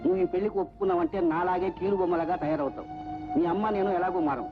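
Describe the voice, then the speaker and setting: A man's voice: sits high, very fast, lightly acted. A middle-aged actor playing a henpecked father with a dry, wry way of talking, in an old film. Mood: advising. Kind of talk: Telugu film dialogue. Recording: dull old film soundtrack with music.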